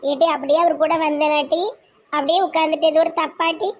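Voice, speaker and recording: A woman's voice: sits high, flat delivery, fairly quick, close to an everyday voice. A woman voicing a chatty, gossipy village woman in a cartoon, with a Tirunelveli Tamil accent. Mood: teasing. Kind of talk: cartoon voice acting.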